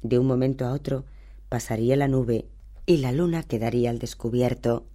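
Man, audiobook narrator, steady scripted reading, dark mellow voice. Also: mid-range voice, moderate pace.

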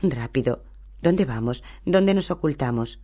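An anxious, clever teenage schoolgirl, as a man reading a storybook aloud puts her on. She speaks urgently and presses her point, her voice a touch mellow and dark. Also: medium pitch, expressive, measured pace. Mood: panicked. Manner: urgent, insistent.

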